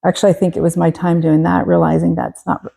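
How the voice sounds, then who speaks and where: A woman in her forties from Texas, a guest telling her story in a relaxed interview, pausing often and restarting. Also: on the low side, creaky, low-quality recording. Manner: hesitant, many fillers and restarts. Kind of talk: casual interview.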